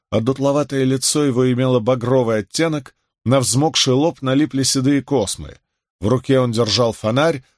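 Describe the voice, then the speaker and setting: A man reading a novel aloud as an audiobook narrator, in an expressive, dramatic manner. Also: medium pitch, no echo, clean studio sound. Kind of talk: scripted literary narration.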